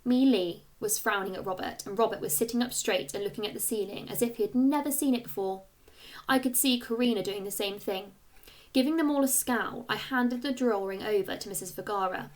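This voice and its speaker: With a mid-range voice and a brisk tempo, this woman reads a children's tale like a schoolteacher would, giving it expressive narration and clear storytelling stress.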